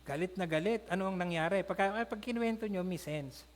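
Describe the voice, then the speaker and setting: Filipino-accented male pastor, high voice, animated storyteller, long hall echo. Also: fast talker. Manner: storytelling, acting out characters' lines. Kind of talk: Bible class teaching. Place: church hall.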